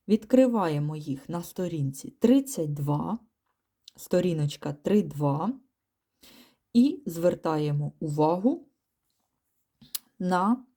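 A woman teaching a first-grade class, patiently sounding out letters one by one and using gentle diminutive words for small children. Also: lowish voice. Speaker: primary school teacher. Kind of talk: first-grade reading and writing lesson.

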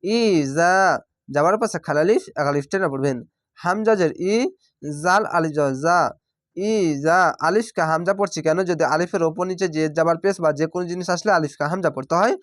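A man teaching Quran reading, spelling out each syllable slowly and drawing out the sounds. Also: high voice, no echo, studio quality. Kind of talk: syllable-by-syllable recitation lesson.

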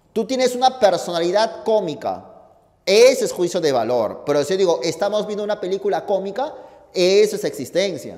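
Lively man teaching in a hall. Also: high voice. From Peru. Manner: lively, quizzing students with quick questions. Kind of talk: classroom lecture. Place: classroom. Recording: long hall reverb.

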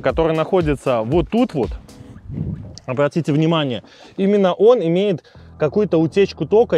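A man's voice: on the high side, warm tone. A man in his thirties with a burry, non-standard r, explaining step by step in a how-to car vlog and addressing viewers as friends. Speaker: car repair vlogger. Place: outdoors in a residential yard beside a car.

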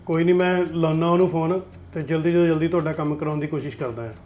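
An actor playing a troubled firm owner who talks calmly and reasons with an angry client, with a Punjabi accent. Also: male voice, a little high, fast talker, slight background noise, close to an everyday voice. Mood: placating. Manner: soothing, reasoning. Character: troubled male firm owner, placating and weary. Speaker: office owner.

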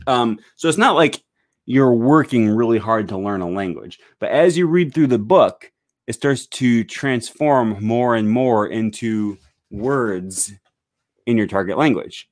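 Speaking into a large desk-mounted studio microphone in a small room at home, a young man rambles casually through a live stream on language learning, sharing his screen and saying "um" and "uh" a lot. His mid-range voice is animated but unhurried, with no room sound.

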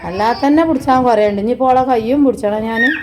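A high-pitched woman talks her viewers through a casual home vlog. Her voice stays bright and chatty as she speaks to them directly from her family home. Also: rapid-fire, crowd noise. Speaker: family vlogger.

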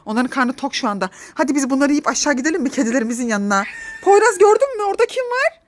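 A mother in her thirties films a family vlog, talking to her kids and viewers in a playful, coaxing way. Her voice sits very high and she exclaims often. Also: sing-song, quick pace. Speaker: mother and vlogger.

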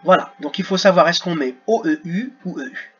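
A man's voice: high voice, a little fast, a bit bright, husky, lo-fi sound. A man teaching young children at a computer, sounding out words syllable by syllable. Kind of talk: screen-recorded lesson for children.

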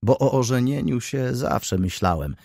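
A man's voice: mid-range voice, animated, measured pace, gravelly, a little mellow, dry recording, studio quality, voice pushed up. A man voicing a talkative, ceremonious graying older baron who keeps calling his listener "sir". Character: chatty, fussy graying older baron, eager.

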